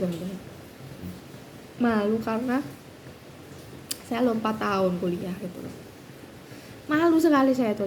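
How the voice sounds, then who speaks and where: A woman, chatting casually as a vlogger about her doctoral studies, with lots of fillers and restarts. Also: background noise. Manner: lively, acts out quoted voices at a higher pitch. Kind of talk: casual storytelling.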